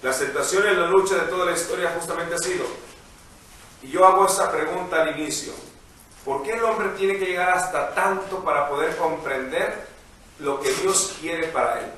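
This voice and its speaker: A priest reading the gospel and preaching in a measured, solemn way, his voice ringing with heavy cathedral-like church echo. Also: fairly high pitch, sharp tone. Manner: measured, solemn liturgical delivery. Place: large church. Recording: heavy echo, distant mic, faint noise.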